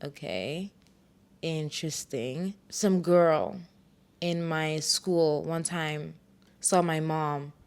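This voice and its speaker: A woman's voice: deep voice, drawn-out words, clean tone. A young woman from Ghana hosting a solo podcast, telling personal stories in a candid, reflective way with bursts of playful self-hype. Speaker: podcast host.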